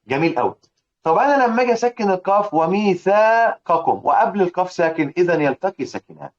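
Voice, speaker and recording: A man with an Egyptian Arabic accent and a high-sitting voice teaches a religious lesson explaining a poem on recitation rules, captured on dull-sounding audio. He drills his students with rhetorical questions, asking them again and again.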